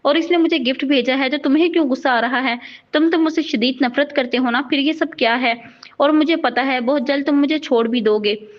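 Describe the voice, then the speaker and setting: A hurt young heroine in a storybook novel who pleads and then confronts, voiced by a woman narrator. Her voice is high and bright. The recording sounds dull and lo-fi. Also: fairly quick, lightly acted. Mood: angry. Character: hurt, defiant young woman doctor's assistant.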